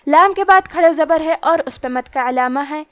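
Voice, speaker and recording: A woman with a high voice teaches the rules of Quran recitation in a calm, explanatory manner. She stops to recite each word slowly, drawing out every sound. The recording is dry, with no room echo. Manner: explains rules plainly, then recites words slowly and drawn out. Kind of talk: tajweed lesson with slow recitation.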